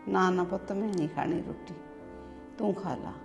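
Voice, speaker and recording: A woman in an older mother's role in a short-film drama, speaking gently and reassuringly. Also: on the low side, normal speed, in a large hall, over music, natural voice. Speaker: mother-in-law.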